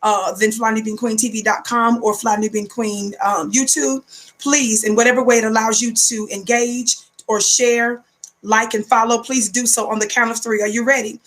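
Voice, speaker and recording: An American woman speaks in a somewhat high-pitched voice as the host of an online talk show. She addresses her viewers directly in a monologue. Her delivery is emphatic and preacherly, with phrases repeated as call-outs. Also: little pitch movement, normal speed, fairly bright tone.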